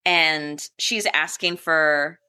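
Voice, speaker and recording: A woman co-hosting a podcast, recapping a film in casual chat and acting out the characters' lines in quick voices. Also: low voice, fairly even intonation, bright, forceful tone, clear, resonant tone. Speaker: podcast co-host.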